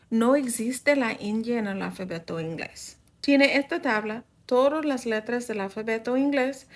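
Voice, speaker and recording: A woman teaching the English alphabet in a bilingual lesson, drawing out each letter slowly for students to repeat. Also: mid-range voice. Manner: slow, drawn-out modeling of letters for repetition.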